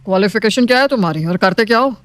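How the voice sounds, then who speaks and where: A woman voicing a strict, proud, wealthy middle-aged father in an animated storybook, scolding and commanding. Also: mid-range voice, very fast, lightly acted. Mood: stern.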